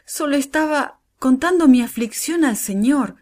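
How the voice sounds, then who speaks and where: An emotional young wife, put on by a woman reading aloud, her voice rising high as she pleads and begs through tears. The storybook reading swings widely in pitch. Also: animated, unhurried, dark tone. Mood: indignant. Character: hopeful tearful young wife praying.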